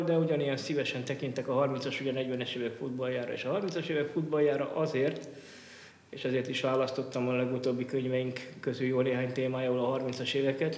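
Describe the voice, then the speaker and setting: Echoey male interview guest, discursive talker. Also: mid-range voice. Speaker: guest, football historian and author. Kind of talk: reflective interview talk. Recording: echoey, reverberant room with clear noise.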